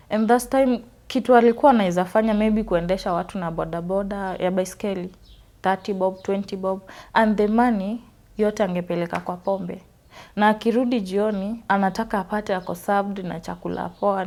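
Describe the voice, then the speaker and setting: This interview features a young Kenyan woman, in her twenties and from Western Kenya, earnestly recounting her life while alternating freely between Swahili and English. She talks a little fast, with a steady, medium-pitched, slightly mellow tone.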